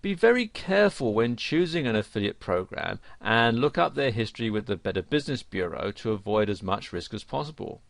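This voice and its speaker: A man reading a scripted instructional narration for an online course, with a lively, emphatic delivery. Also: on the low side, creaky, no room sound.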